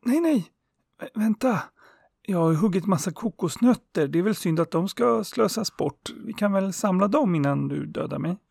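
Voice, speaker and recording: A man's voice: high-pitched, animated, vocal fry, darkish tone, breathy edge, dry recording, clean studio sound, pitched above the performer's own voice, exaggerated voice. A man voicing a grown man who urgently pleads for his life. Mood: desperate.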